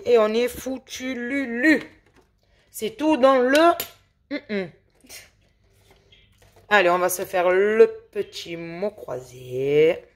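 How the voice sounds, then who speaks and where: Slow-talking woman scratching lottery tickets. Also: mid-range voice. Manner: slow, chatty, addresses viewers as friends. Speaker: scratch-card video host. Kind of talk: casual play-by-play commentary.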